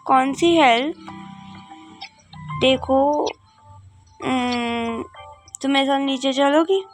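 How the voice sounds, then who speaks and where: A woman's voice: high-pitched, very slow, soft background music. A woman voicing a young maid who pretends to be a neighbor and coaxes a little princess in a doll game. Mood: confiding. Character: young woman maid posing as neighbor, scheming but kind.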